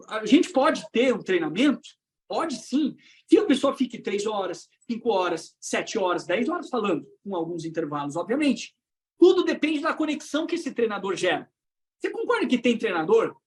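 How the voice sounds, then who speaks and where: Brazilian woman trainer teaching stage tricks online, fairly high voice that jumps all over, loud then quiet. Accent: Brazilian Portuguese. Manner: animated, swings between loud emphasis and hushed lows. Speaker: trainer and motivational speaker. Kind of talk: online coaching talk.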